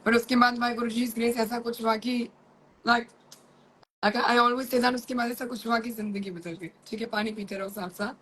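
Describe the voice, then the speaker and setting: A middle-aged woman with an Indian accent, chatting live with her followers from a room at home, mixing Hindi and English with rushed asides. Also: a little high, fairly even intonation, fairly bright tone, slight background noise, rough recording. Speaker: makeup artist and academy owner. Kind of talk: live-stream chat to followers.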